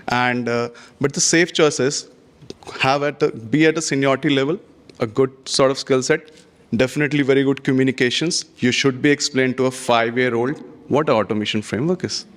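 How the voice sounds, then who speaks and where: A man's voice: mid-range voice, a little fast, fairly bright tone. A man speaking on a conference panel, giving earnest, advice-heavy answers with frequent "you know" and "having said that". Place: conference stage.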